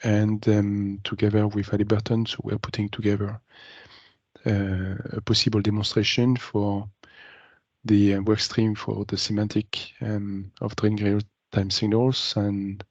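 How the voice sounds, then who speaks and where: A man on a video call explaining a planned demonstration to a meeting, halting often with ums and uhs. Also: on the low side, flat delivery, darkish tone, dry recording. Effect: heard over a video call. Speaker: meeting participant presenting a demo. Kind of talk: business meeting update. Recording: dry, slightly muffled video call audio.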